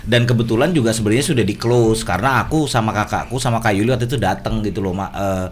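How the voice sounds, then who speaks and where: A man's voice: lowish voice, fast, slight background noise. A middle-aged man telling stories in casual chat, hesitant and full of restarts. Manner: hesitant storyteller, many restarts. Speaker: guest reminiscing about student days.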